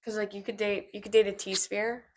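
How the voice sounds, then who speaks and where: Woman host rambling on her podcast, lots of "like"s, average pitch. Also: level tone, a little mellow. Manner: rambling, filler-heavy, talks fast about movies. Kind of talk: casual chat.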